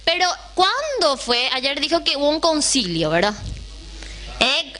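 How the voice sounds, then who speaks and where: Lady teaching bible class, bright voice, keeps asking the room questions. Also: sits high, big pitch swings, a little slow.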